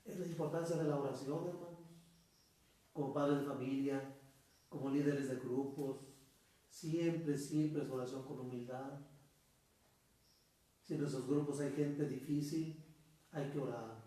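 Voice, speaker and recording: A man's voice: medium pitch, steady tone, a little slow, pauses often, mellow. A man preaching a sermon as a priest, telling a story and calling his listeners brothers. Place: church. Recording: echoey church from far off.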